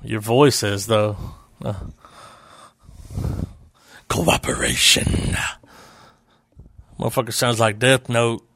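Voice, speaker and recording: A man's voice: mid-range voice, steady tone, moderate pace, few pauses, no room sound. A man co-hosting a podcast, making joking, crude comments while chatting casually about a trailer. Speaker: podcast co-host. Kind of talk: casual chat reacting to a trailer.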